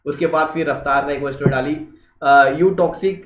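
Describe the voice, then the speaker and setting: Man, reaction host, casual commentary, slightly high voice, reads posts aloud, echoey room. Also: steady tone, normal speed, fairly bright tone. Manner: reads social media posts aloud and comments, mixing English phrases.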